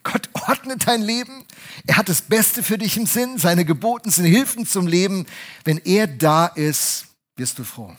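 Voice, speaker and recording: Husky-voiced preacher man, fervent and direct. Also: sits high, measured pace. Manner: emphatic, swings between loud urging and hushed soft phrases; speaks directly to the congregation. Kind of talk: sermon.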